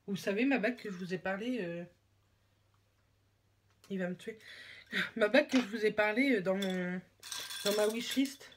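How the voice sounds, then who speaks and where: A woman's voice: medium pitch, normal speed, pauses often, a little hiss or hum. A young woman from France chatting casually and rambling with self-mockery while doing her makeup at home. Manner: rambling, self-mocking, slangy. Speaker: beauty vlogger.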